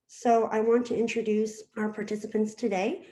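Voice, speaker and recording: A woman in her twenties from Virginia, facilitating a panel discussion in a measured, formal way. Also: on the high side, little pitch movement, dark tone, echoey room. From Virginia, USA. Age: 20s.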